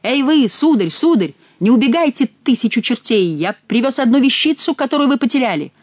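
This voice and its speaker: A woman reading an audiobook and voicing a bold, cheerful young nobleman who talks loudly and teasingly. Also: mid-range voice, expressive, brisk, dry recording, lightly acted. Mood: shouting. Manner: loud, hearty, teasing.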